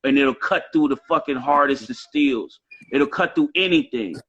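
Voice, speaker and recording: In a muffled recording, a late-thirties rapper with a Southern US accent chats casually on a live stream in a mid-range, slightly rough, somewhat bright voice at normal speed. He is emphatic and repetitive, and he swears heavily.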